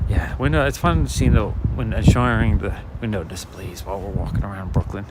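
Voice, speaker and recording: Speaking fairly fast in a lowish, raspy voice, a man livestreams as he walks a nighttime city street, chatting casually and softly with his viewers in a rambling walk-and-talk. The handheld phone recording is full of city ambience and passing traffic.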